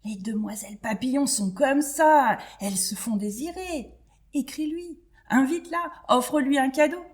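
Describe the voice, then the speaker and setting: A woman's voice: high-pitched, normal speed, pitched above the performer's own voice, natural voice. A woman voicing Eric, a cheery earthworm. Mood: friendly. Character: friendly chatty male earthworm. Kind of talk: children's storybook reading.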